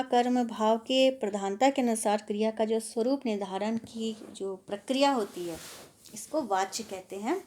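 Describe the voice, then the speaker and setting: A woman's voice: on the high side, darkish tone, slight background noise. A woman teacher explaining a textbook lesson patiently, stopping to work through examples. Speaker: Hindi teacher.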